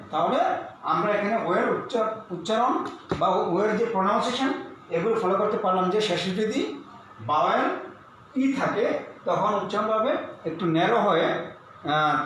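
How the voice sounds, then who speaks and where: Male online English teacher from Bangladesh, high voice, patient step-by-step explaining, recorded in a very echoey room. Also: a bit bright. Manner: explains slowly, spells words letter by letter. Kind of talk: online lesson. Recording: very echoey room with faint hiss.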